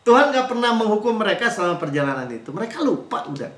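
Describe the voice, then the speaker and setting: Animated pastor with a lively, high voice. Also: male voice, quick pace, echoey room. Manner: animated, shifts between loud mocking impressions and quiet asides. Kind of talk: sermon. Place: church.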